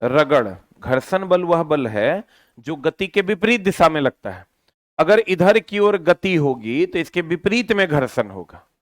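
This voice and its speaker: A man teaching a physics lesson, lively and constantly quizzing his students with repeated questions. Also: a little high, unhurried, no room sound.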